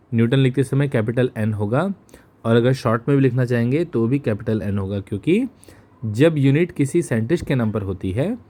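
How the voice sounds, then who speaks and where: In an exam-prep physics lesson, a male teacher explains things slowly in Hindi sprinkled with English terms, posing questions and then answering them himself. His voice is medium in pitch with a dark tone.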